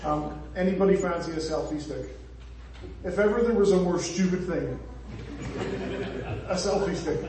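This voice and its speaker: Preaching in a joking, conversational style, this man from Northern Ireland speaks a bit high for a male voice at an ordinary speed, leaving long pauses. His asides to the congregation ring around a very echoey church hall, he sounds distant from the mic, and background noise is present.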